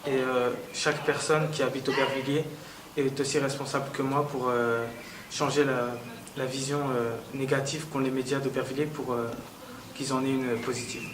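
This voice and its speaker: A hesitant eighteen-year-old man answers interview questions, pausing and restarting often. His voice stays flat in pitch. He sounds roomy and distant from the mic, with clear background noise. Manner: hesitant, many "euh" fillers and restarts. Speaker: local youth council member.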